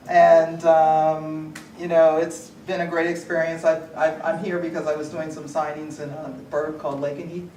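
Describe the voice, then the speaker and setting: A middle-aged American woman, an author on a panel, chats casually about her book at a moderate pace, her low, mellow voice level in tone with hardly any pauses. She jokes and laughs at her own lines in this casual conference talk. The recording comes from a large conference hall and is echoey and distant, with a noisy audience.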